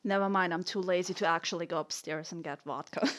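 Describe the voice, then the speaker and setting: A woman's voice: fairly low pitch, fairly even intonation, fast, background noise. A woman streamer chatting casually and reading aloud, laughing often and mocking herself.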